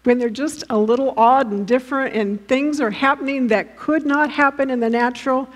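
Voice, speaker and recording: At a normal speed and in a high voice, a woman preaches, vividly drawing her audience into imagining the scenes she describes and regularly addressing them with direct questions.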